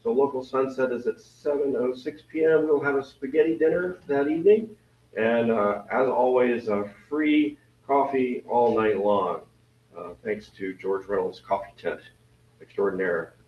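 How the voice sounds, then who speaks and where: A deep-voiced man on the event committee rambles through club meeting announcements at a normal pace, joking and poking fun at himself. He's captured from across an echoey room, so the recording sounds distant, roomy, dull and muffled.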